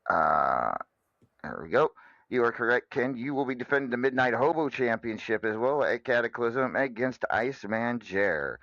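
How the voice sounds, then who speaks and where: A man's voice: mid-range voice, expressive, normal speed, creaky, a bit bright, no echo. A man hosting a wrestling talk show, easygoing, with hesitant fillers. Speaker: host. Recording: dry dull lo-fi mic.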